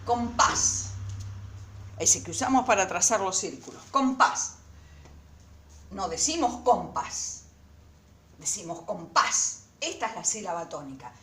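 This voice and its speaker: A woman teacher talks her students through a recorded lesson. She goes slowly and stresses each word, and her pitch climbs and falls a lot. The room around her sounds echoey. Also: sing-song, a bit bright. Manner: slow, emphatic, repeats words syllable by syllable.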